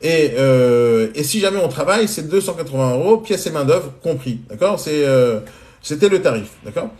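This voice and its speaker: A man in his forties telling a casual, animated anecdote, colloquial and speaking straight to the listener, into a phone mic on a live stream. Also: fairly high pitch, moderate pace. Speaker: entrepreneur answering questions on a live stream.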